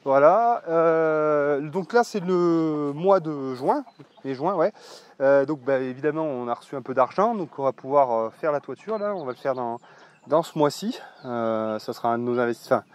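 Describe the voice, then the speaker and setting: Man, vlogger, voice a touch high, loose and salty delivery full of fillers, recorded outdoors on windscreened mic. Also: smooth. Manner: loose, salty speech with many fillers and swearing. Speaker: vlogger showing his land. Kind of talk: casual walk-and-talk vlog. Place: outdoors on rural land. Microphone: mic with foam windscreen.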